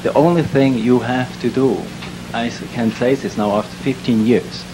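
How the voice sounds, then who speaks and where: A man's voice: mid-range voice, steady tone, moderate pace. A man from Switzerland who works in direct marketing, giving an earnest, emphatic testimonial. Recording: hissy background noise.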